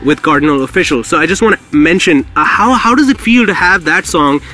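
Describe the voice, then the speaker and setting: Male radio host, forceful bright tone, raised pitch, hyped slangy delivery. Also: lively intonation, brisk. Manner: hype-filled, repetitive, slangy. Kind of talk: live radio interview, effusive hosting.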